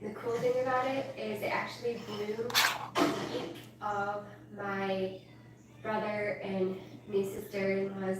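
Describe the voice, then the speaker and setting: A woman's voice: medium pitch, little pitch movement, measured pace, distant mic. A woman chatting casually as she gardens outdoors, rambling and breaking off mid-thought. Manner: chatty, rambling, self-interrupting. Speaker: gardening vlogger. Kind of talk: casual chat while gardening. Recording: roomy sound from off-mic with clear background noise.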